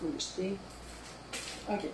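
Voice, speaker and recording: Cooking in her home kitchen, this Beauce Quebec woman in her thirties takes her time, chatting casually and rambling with relatives off camera. The low-quality recording sounds roomy and carries a little hiss or hum.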